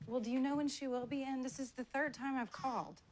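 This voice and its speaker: A determined and weary female prosecutor in a naturalistic legal drama, played by an actress. Her voice sits a little high and she speaks as a working mother used to holding her ground. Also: fairly even intonation, fairly quick, darkish tone, lightly acted. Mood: anxious, upset. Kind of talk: naturalistic film acting.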